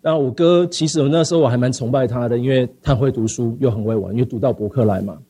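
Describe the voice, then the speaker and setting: A young man telling a personal story, halting, with many fillers and repeated words and some English mixed in. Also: mid-range voice, warm tone, breathy edge. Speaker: speaker sharing a personal testimony.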